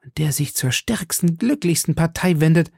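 A man's voice: mid-range voice, expressive, moderate pace, mellow, no room sound, clean studio sound. A man voicing a fervent pleading noblewoman. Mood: impassioned. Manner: impassioned, pleading. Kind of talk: audiobook character reading.

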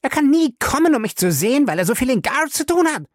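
A shrill furious wife. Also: female voice, sing-song, brisk, no room sound, studio quality. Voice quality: shrill, voice cracking. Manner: screaming accusations, sarcastic. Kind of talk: audiobook character voice.

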